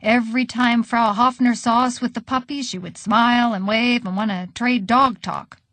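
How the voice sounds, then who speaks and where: A woman narrating an audiobook in an expressive, conversational storytelling manner. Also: fairly high pitch, moderate pace, no room sound.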